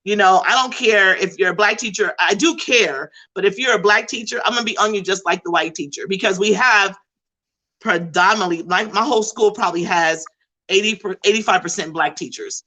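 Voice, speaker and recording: Woman, middle-aged, bright voice, animated, emphatic storyteller. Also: mid-range voice, fairly quick, rough recording. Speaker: behavioral support intervention specialist. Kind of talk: panel discussion.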